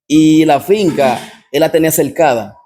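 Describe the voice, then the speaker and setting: A man with a Dominican accent recounting his personal testimony as a guest, telling the story step by step and often pausing to ask what happens next. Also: on the high side, dark tone, slight background noise. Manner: repetitive storyteller, keeps asking "what happens?".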